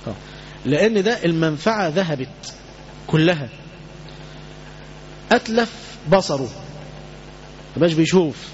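A man's voice: high-pitched, dull audio, slight background noise. A man with an Egyptian Arabic accent giving a colloquial religious lesson, often quizzing his listeners with questions for them to complete. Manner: quizzes audience with fill-in questions. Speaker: Islamic teacher.

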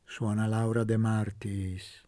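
A man voicing a quiet, dreamy young man who speaks slowly. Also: medium pitch, sing-song, gravelly, husky, dry recording, exaggerated voice. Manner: slow, subdued.

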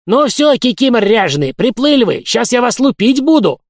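A man voicing an irascible old male dormitory warden with a high, reedy old man's tenor, yelling and cursing. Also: big pitch swings, moderate pace, dry recording, clean studio sound, exaggerated voice. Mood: shouting angrily.

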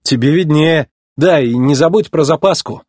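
A man's voice: on the high side, normal speed, a little mellow, dry recording, studio quality, pitched above the performer's own voice, close to an everyday voice. A man voicing a cocky, playful young male race car in an easygoing tone.

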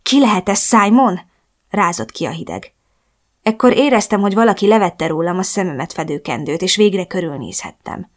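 A woman's voice: on the low side, animated. Woman narrating a tense audiobook. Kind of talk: first-person audiobook narration.

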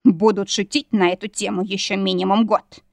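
A growling, hot-tempered demon husband, read by a woman in an audiobook. His husky voice stays fairly plain, in a close, dry recording with no room sound. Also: mid-range voice, level tone, normal speed, darkish tone, no echo, close to an everyday voice. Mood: mocking. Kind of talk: audiobook character reading.

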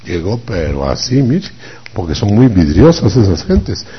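Husky low-voiced man preaching a sermon. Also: very animated, measured pace. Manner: dramatic, acts out quoted voices, swings from loud to whispered. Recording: dull lo-fi recording.

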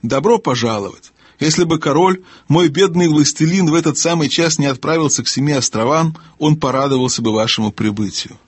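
A man voicing an old, deaf, cantankerous male dwarf lord in an audiobook, with loud grumbling speech and a husky voice. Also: fairly high pitch, a little fast, voice pushed up. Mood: gruff welcoming. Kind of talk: audiobook character voice.

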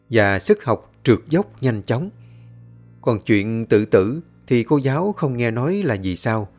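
A man narrating a ghost story in a steady storytelling manner. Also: medium pitch.

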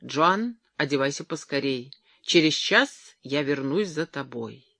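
A reader voicing a conspiratorial husband in an audiobook, hushed and plotting. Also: medium pitch, animated, measured pace, creaky, no room sound, heavily acted. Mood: scheming. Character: scheming husband, conspiratorial and bold. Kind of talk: audiobook character voice.

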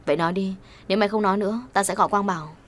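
A woman's voice: medium pitch, racing, close to an everyday voice. A woman voicing a protective young man who presses his best friend with insistent questions in an audio story.

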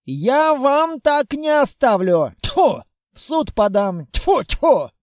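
A man's voice: very high-pitched, very animated, slow pace, dry recording, studio quality, voice pushed up, heavily acted. A man playing a shrieking pompous foreign villain. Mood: indignant. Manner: shrieking, sputtering, broken grammar. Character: pompous fat foreign male villain, indignant, broken speech.

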